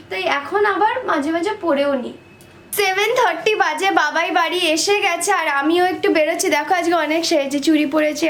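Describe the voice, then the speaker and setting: A young woman with a Kolkata Bengali accent chats to her camera, slipping English words into her talk. Her voice sits high. The room sounds roomy, with a faint hiss underneath. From Kolkata, India. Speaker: vlogger. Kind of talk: casual vlog chat. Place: home rooms and a restaurant.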